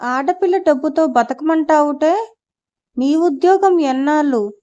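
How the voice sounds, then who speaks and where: A woman's voice: sits high, a little slow, warm tone, dull audio. A woman reading a fussing, thrifty mother. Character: thrifty anxious middle-aged mother.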